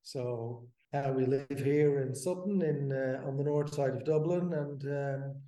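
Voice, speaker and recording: A man in his fifties from the Netherlands, a brewery co-founder, talking as a podcast guest in a halting, filler-filled way. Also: medium pitch, warm tone, roomy sound. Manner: halting, many fillers and restarts. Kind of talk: casual interview.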